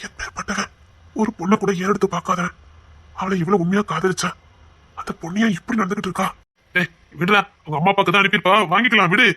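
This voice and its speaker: A man's voice: sits high, steady tone, fast talker, sharp tone, breathy edge, exaggerated voice. A man playing an emotional, stammering young brother-in-law. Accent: Tirunelveli Tamil. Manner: tearful, stammering, affectionate. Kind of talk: web series acting.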